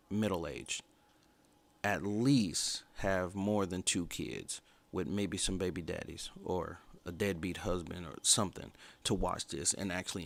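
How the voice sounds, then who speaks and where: Man in his twenties, deep voice, gravelly fry, blunt and opinionated, casual review. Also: darkish tone. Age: 20s. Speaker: show reviewer.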